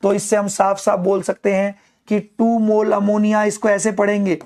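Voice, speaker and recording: High-voiced male chemistry teacher. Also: monotone, darkish tone. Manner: playful, calls students "my child", mock dialogues with students; slows to dictate English phrases word by word. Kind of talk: online class lecture.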